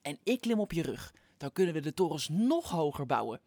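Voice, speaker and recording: A storyteller lightly voicing a practical, upbeat storybook girl who takes charge with friendly instructions. The voice moves lively up and down and sounds close and dry. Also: low-pitched, a little fast, dry recording, heavily acted. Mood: helpful. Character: practical cheerful girl Sas. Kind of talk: storybook read-aloud.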